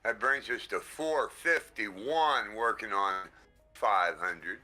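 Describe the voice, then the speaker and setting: A man's voice: on the low side, slow pace, pushed and bright, faint music behind. A man hosting a livestream through a headset mic, casual and easygoing, often thanking his viewers. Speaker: livestream host.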